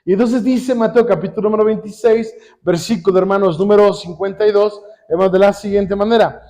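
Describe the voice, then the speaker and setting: A man with a Mexican accent preaching a sermon, constantly asking the congregation questions and pausing for them to finish his sentences. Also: high voice, steady tone, mellow. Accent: Mexican Spanish. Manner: calls on the congregation with repeated questions.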